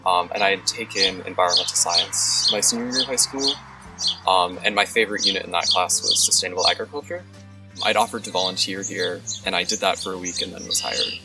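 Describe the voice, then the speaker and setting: A man's voice: sits low, a little fast. A young man who works on a farm, speaking casually in a documentary interview with many "um" fillers. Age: young adult. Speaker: farm worker. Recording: distant mic with loud music.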